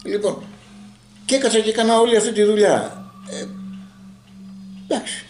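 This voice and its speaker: A man's voice: high-pitched, darkish tone, reverberant, faint music behind. A man telling a long story in casual group talk and acting out the dialogue as he goes.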